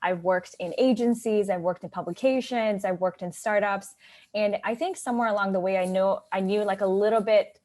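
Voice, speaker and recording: A woman's voice: mid-range voice, fairly even intonation, brisk, darkish tone. A woman in her thirties, a guest consultant talking casually in an interview, with lots of "like" and "you know". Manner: chatty, many "like" and "you know" fillers.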